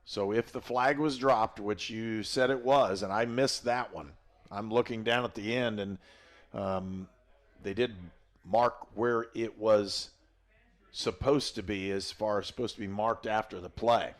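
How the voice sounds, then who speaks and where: A man's voice: lowish voice, steady tone, measured pace. Man, play-by-play announcer, college football commentary, chatty, explains rules.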